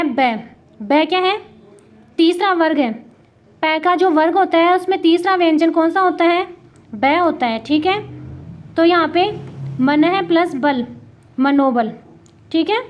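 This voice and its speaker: A woman's voice: high-pitched, highs cut off. A woman teaching Hindi grammar with a Rajasthani accent, asking and answering her own questions and spelling letters out one by one. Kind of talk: classroom lesson.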